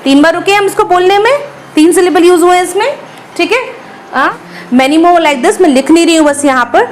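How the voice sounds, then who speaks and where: A woman's voice: very high-pitched, slight background noise, rough recording. Woman teaching grammar to students. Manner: mixes Hindi and English, repeats words slowly, checks with "dear students". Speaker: English teacher. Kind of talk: classroom grammar lesson.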